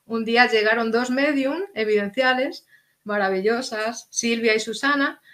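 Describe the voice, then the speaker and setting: A woman's voice: on the high side, normal speed. A middle-aged woman, earnestly telling a personal story as an interview guest and acting out the dialogue. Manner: earnest, animated, acts out quoted dialogue.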